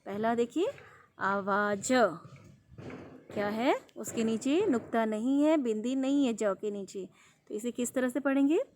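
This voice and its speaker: Woman teacher, high-ish voice, very unhurried, stretches out each word for young pupils. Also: lively intonation, darkish tone, a little hiss or hum. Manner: slow, drawn-out reading of words; asks questions then answers them herself. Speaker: primary school teacher. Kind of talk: online class lesson.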